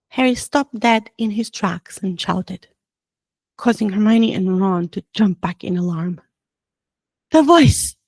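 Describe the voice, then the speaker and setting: A woman reads a storybook aloud at a steady, even pace, lifting it now and then for drama. Her voice sits at a middle pitch with a gravelly, fry-touched texture. The recording is close and dry, with no room sound. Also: no room sound. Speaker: audiobook reader. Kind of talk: storybook narration.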